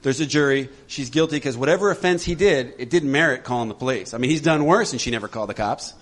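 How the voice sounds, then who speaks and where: A man leading a recovery workshop for a group, animated and laughing often as he acts out voices. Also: mid-range voice, fast talker, a little hiss or hum. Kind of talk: talk to a group.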